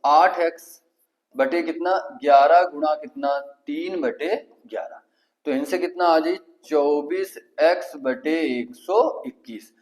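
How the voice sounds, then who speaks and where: The recording is low quality, capturing a man whose voice is a little high and darkish in tone, speaking at a slow pace. With a Kanpuri Hindi accent, he runs an exam-prep math lesson, raising questions for the class and walking through the answers himself.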